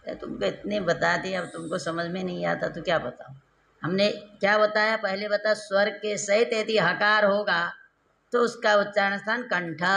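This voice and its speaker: A man teaching Sanskrit grammar in a classroom lecture, repeating terms and quizzing his students with rhetorical questions, slowing down and drawing out key syllables. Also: sits high, pushed and bright, a little hiss or hum. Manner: slow, drawn-out stressed syllables when explaining.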